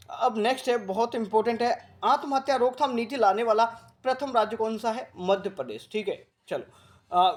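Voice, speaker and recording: A male coaching teacher from Rajasthan. He gives a current affairs lecture, speaking slowly and repeating key facts as he drills his students. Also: high-pitched. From Rajasthan, India. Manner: slow, repetitive drilling that coaxes students like a big brother.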